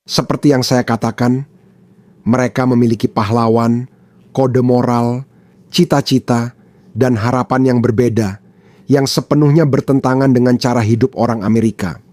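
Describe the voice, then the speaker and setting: A man's voice: mid-range voice, fairly even intonation, moderate pace, long pauses, a little mellow, no echo, studio quality. A man from Pakistan giving opinionated commentary, emphatic and repeating his points for effect.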